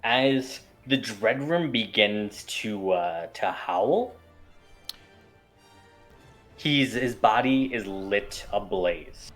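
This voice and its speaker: Expressive male game master. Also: lowish voice, drawn-out words, faint music behind. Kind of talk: narrating a tabletop game, improvised.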